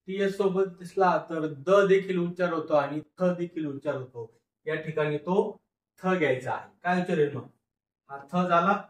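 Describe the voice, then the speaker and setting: A man teaching a phonics lesson, sounding out English words slowly, syllable by syllable, and repeating each one. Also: high voice, distant mic. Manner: slow, repetitive syllable-by-syllable sounding out. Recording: echoey room, voice from off the mic.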